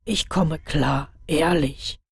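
A woman reading the lines of a tired, thoughtful young male wizard in a lowered, measured voice. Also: gravelly, slightly rough, no room sound, clean studio sound, heavily acted. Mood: subdued.

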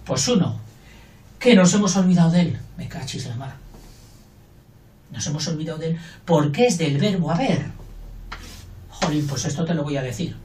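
A man's voice: a little high, lively intonation, moderate pace, long pauses, darkish tone, far from the mic. An older man gives a casual, playful grammar lesson. He talks in a chatty way and acts out little everyday scenes. He sits back from the microphone in a roomy, echoing space. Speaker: teacher. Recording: roomy, voice from off the mic.

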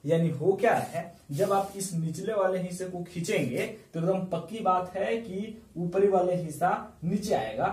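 A man's voice: high-pitched, moderate pace, few pauses, darkish tone. A man teaching a math lesson with a Bihari Hindi accent, explaining step by step and answering his own questions. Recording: echoey room, mic far off.

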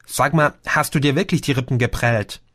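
A man's voice: medium pitch, moderate pace, fairly bright tone, no room sound, studio quality, natural voice. A man voicing a mocking young friend who keeps disbelieving what he hears. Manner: mocking, incredulous.

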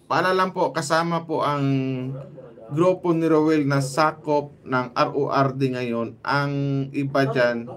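Filipino man hosting a lively livestream. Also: a little high. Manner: lively, greets commenters by name, quick asides. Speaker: livestream host. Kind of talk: casual livestream chat reading viewer shoutouts.

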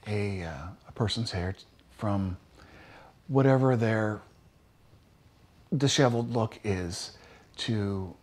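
A man's voice: on the low side, darkish tone. A man in his sixties from Pennsylvania, a barbershop owner speaking in a documentary interview, hesitant with many fillers and restarts. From Pennsylvania, USA. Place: small wood-panelled barbershop. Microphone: seated, medium camera framing. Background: music.

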